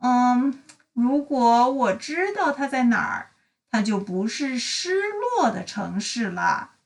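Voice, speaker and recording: A woman voicing a bright, keen little lady who leads an expedition in a children's storybook, cheerful and matter-of-fact. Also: fairly high pitch, expressive, slow pace, gravelly, heavily acted.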